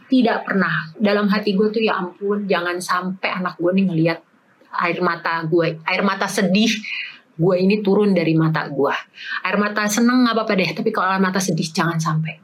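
A woman's voice: mid-range voice, slight background noise, poor audio. Woman telling an emotional personal story. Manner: emotional, personal storytelling mixing in English phrases. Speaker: guest telling her story. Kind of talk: casual chat.

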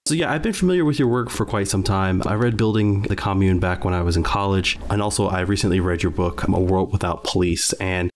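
A man's voice: low-pitched, brisk, hardly any pauses, a little hiss or hum. A man hosting an interview, asking long, thoughtful, winding questions. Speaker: podcast host.

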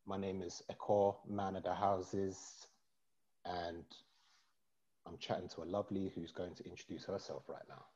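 Host: guy, very low voice, laid-back and jokey, on a dull lo-fi video call. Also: steady tone, moderate pace, dark tone. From East London. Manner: joking, laid-back, rambling. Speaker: podcast host. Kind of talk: casual chat about astrology.

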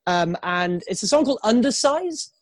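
A high-voiced man calls in by phone to a radio show. His talk is loose and rambling, full of "like" and "um", and the sound is dry and close with no room around it. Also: expressive, moderate pace, dry recording. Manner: rambling, lots of "like" and "um" fillers. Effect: heard over a phone line. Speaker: radio show guest, band member. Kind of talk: casual chat.

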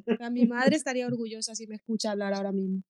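A woman from Paraguay tells a story in a relaxed online chat, laughing and cursing as she goes. Her voice is fairly high. The sound is dry and close. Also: racing, dry recording. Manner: expressive, swearing, laughing. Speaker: guest. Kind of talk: casual chat. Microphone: online audio room.

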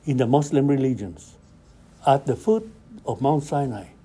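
A man's voice: mid-range voice, animated, moderate pace, warm tone, breathy edge. A man leading a Bible study, preaching and acting out scripture dialogue with rising questions.

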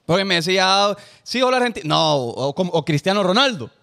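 A man co-hosting a podcast, tossing in jokes and quick retorts. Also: high-pitched, big pitch swings, vocal fry, pushed and bright. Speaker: podcast co-host. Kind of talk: casual chat.

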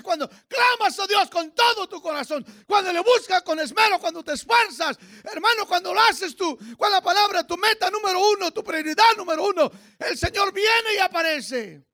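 Fervent gravelly high-voiced pastor. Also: male voice. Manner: fervent preaching, swings from quiet asides to shouted exhortation. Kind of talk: bilingual Christmas sermon.

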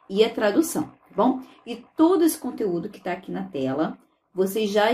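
A woman teaching how to sing English songs in Portuguese. She talks in a chatty way, often adds "tá bom?", and stretches the lyric words out slowly to model them. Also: medium pitch, mellow. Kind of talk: song pronunciation lesson.

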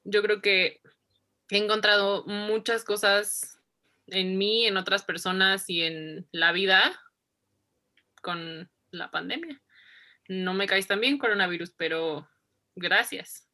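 A woman's voice: medium pitch, fairly even intonation, takes it slowly, pauses often, pushed and bright. A woman, reflecting in a casual interview, who repeats herself and laughs often. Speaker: interview guest.

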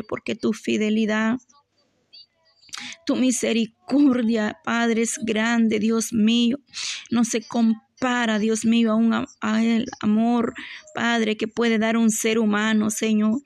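Leading a prayer with devout pleading and recurring invocations, a religious woman speaks in a fairly high, creaky voice at an unhurried pace and a narrow, steady pitch. The sound is close and dry.

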